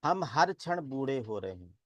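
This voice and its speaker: A man giving a Buddhist dharma talk, deliberate, chanting verses and asking rhetorical questions. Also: medium pitch, very animated, dry recording. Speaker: Buddhist teacher.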